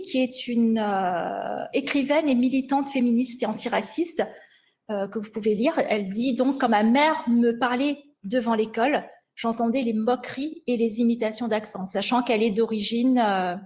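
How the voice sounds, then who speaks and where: A woman's voice: fairly high pitch, a little mellow. A woman giving a lecture with slides on language sciences, speaking hesitantly and often restarting and correcting herself.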